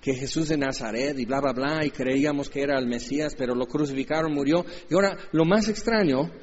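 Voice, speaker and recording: A man in his fifties with a Mexican Spanish accent, preaching a lively, jokey sermon and acting out Bible characters in different voices. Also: medium pitch, a little fast, long reverb tail, muffled recording, a little hiss or hum. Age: 50s. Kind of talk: animated sermon with acted-out voices.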